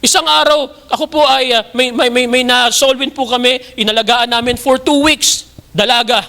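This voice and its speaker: A young Filipino pastor preaches with a very high, bright voice and a gravelly edge. He builds his sermon in rising, emphatic bursts and then drops back to a quieter tone. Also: steady tone, moderate pace.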